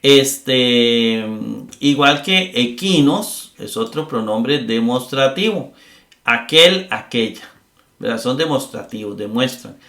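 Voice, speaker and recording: A man's voice: medium pitch, animated, fairly bright tone. Echoey middle-aged man teaching grammar. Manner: explains slowly with many "eh" fillers and tag questions. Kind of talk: recorded lecture.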